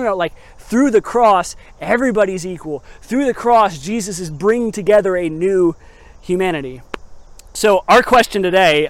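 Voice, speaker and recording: A man preaching a casual, conversational sermon, asking rhetorical questions and poking fun at himself. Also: high-pitched. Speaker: pastor. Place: on location at a chapel.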